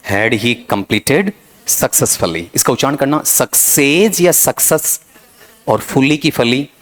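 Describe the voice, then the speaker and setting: Man teaching grammar, quizzing students. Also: medium pitch. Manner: addresses students as "beta", quizzes with rapid questions and self-answers. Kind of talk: exam-prep grammar lesson.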